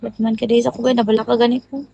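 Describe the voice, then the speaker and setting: Woman streamer on a phone, a bit high-pitched, greets viewers one after another in casual chat. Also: level tone, rapid-fire, gravelly, dark tone, husky, no room sound, dull audio. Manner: chatty, rattles off viewer greetings. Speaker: livestream host.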